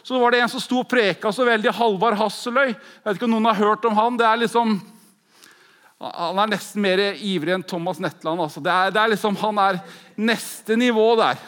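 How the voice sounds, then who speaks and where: A man in his forties preaching a pentecostal sermon, fervent, moving between loud exclamations and hushed prayer. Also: sits high. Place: large conference hall.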